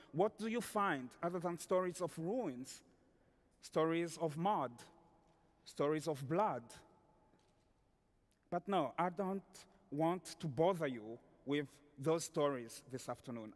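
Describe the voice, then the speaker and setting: High-voiced man declaiming on stage. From Democratic Republic of Congo. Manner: slow, declamatory, repeats phrases for effect. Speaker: storyteller and dancer. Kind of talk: spoken-word stage performance. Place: large hall during an awards ceremony. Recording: long reverb of a large hall.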